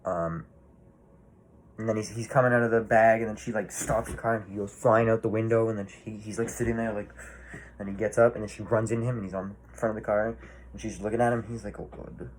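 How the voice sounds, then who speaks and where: A man's voice: lowish voice, steady tone, fast, a little hiss or hum. A man giving a casual movie review, rambling and swearing freely, full of fillers and restarts.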